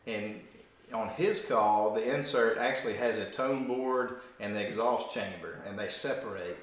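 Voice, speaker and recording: A man's voice: lowish voice, unhurried. Man in a very echoey room, explaining gear. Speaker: duck call demonstrator. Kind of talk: informal hands-on product explanation.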